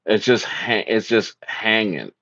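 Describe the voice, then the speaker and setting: A man's voice: fairly low pitch, expressive, slow, fairly bright tone, dry recording. A man from South Jersey hosting a casual livestream, reading viewer comments and hyping things up in slangy, repetitive talk. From South Jersey, USA. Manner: hyped, repetitive slangy talk with lots of "bro". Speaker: livestream host. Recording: dull lo-fi dry audio.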